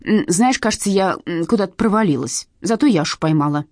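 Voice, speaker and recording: A clumsy, whiny young woman, voiced by a female narrator, fretting in a plaintive, flustered way. Her voice is husky and swoops widely, recorded dry and close. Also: lowish voice, expressive, brisk, darkish tone, dry recording.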